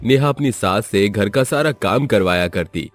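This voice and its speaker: Low, lively male storyteller. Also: normal speed, faint music behind. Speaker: narrator. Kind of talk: scripted story narration.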